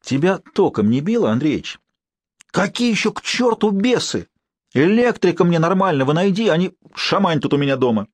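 A man's voice: a little high, sing-song, moderate pace, no room sound, pitched above the performer's own voice. A man voicing an exasperated skeptical boss. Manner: exasperated, sarcastic. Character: irritated skeptical male boss. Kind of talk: audiobook character voice.

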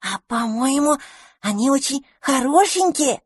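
Woman doing a young boy mouse, eager, kind, excited, high voice. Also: a little slow, no room sound, clean studio sound. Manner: excited, bright-eyed.

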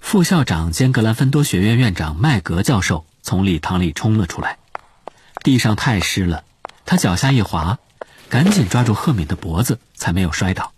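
Casting: male storyteller, deepish animated voice, expressive scripted audiobook narration. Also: normal speed, a little hiss or hum.

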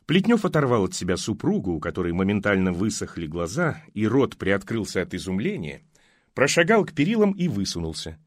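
Expressive male audiobook narrator. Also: fairly low pitch, brisk, dry recording, studio quality. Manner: expressive, dramatic reading.

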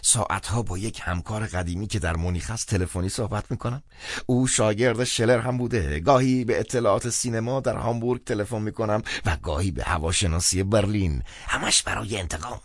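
A man's voice: sing-song, no room sound. A man voicing a garrulous old male theologian servant who lectures and chuckles slyly, in a dry studio narration. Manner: lecturing, chuckling, speaks with raised pitch.

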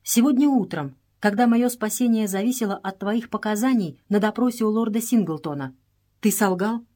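A woman's voice: mid-range voice, normal speed, dark tone, lightly acted. A woman voicing an impulsive, grieving young Englishman who speaks in urgent exclamations in a read-aloud story. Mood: intent.

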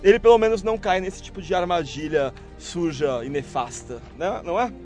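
A man co-hosting a podcast, animated, humming soundtrack beats as he talks. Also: sits high, fairly quick, faint music behind. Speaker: podcast co-host. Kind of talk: casual banter.

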